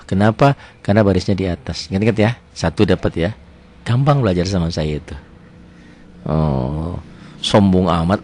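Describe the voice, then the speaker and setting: A man teaching tajwid in a chatty, self-assured way, breaking into slow melodic Quran recitation. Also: low-pitched, darkish tone.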